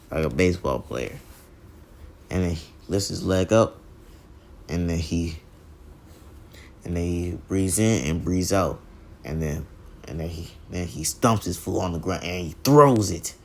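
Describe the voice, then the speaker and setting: A man casually telling a fan story, rambling and halting with constant restarts and repeated words. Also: sits low, darkish tone.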